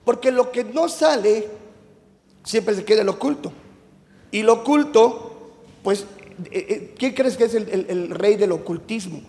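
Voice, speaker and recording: A man's voice: high-pitched, measured pace, pauses often, dark tone. A man with a Mexican Spanish accent preaching a youth sermon to a live congregation in a church hall, chatty and teasing, quizzing the audience as he goes. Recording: echoey hall with long reverb.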